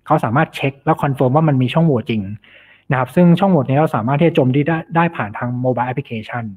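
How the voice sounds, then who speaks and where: Over slides at an online meetup, a cybersecurity specialist gives an informal technical presentation, explaining things and mixing in English technical terms. His medium-pitched voice is brisk, and the meeting audio sounds thin and phone-like.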